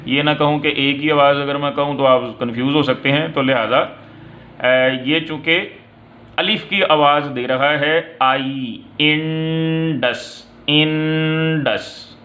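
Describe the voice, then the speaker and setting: A man, explaining English pronunciation slowly and deliberately, drawing out each example word. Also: a little high, steady tone. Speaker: English teacher. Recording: dull lo-fi recording.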